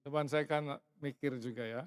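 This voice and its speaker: A man's voice: medium pitch, steady tone, moderate pace, smooth, dry recording. Middle-aged male pastor, conversational sermon delivery, resonant tone, dry close sound. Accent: Indonesian. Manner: conversational preaching, addresses listeners as brothers, chuckles. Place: church sanctuary.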